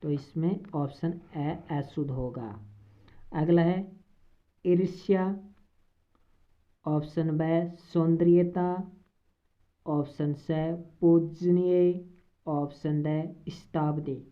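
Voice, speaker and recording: Woman teacher going slow over exam questions, repeats every word, sounds like a phone line. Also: sits low, steady tone. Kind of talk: exam prep lesson. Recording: tinny phone-like audio.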